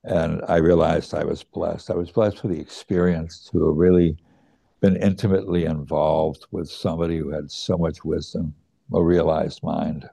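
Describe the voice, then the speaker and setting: A middle-aged man with a very low voice and a gravelly edge recounts a personal memory. He speaks slowly and reflectively, with hesitant pauses and a few restarted words. His tone is dark and mellow. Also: little pitch movement. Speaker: student recounting his teacher's death. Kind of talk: personal storytelling.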